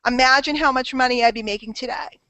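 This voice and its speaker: A woman's voice: high voice, fast talker, sharp tone, no echo, low-quality recording. A woman hosting a casual group call, chatty, teasing and persuasive. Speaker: host of a marketing call.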